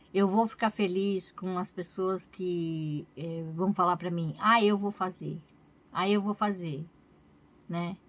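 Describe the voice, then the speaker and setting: Chatty Brazilian woman rambling to camera. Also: medium pitch. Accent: Brazilian Portuguese. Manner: rambling, chatty, keeps adding "né?". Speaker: crochet vlogger. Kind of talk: casual chat to camera.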